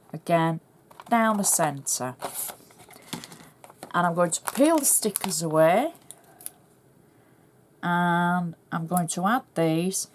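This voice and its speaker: A woman's voice: fairly low pitch, a little hiss or hum. A middle-aged woman with a Yorkshire accent, chatting through a cardmaking tutorial and explaining each step as she works. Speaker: craft tutorial host.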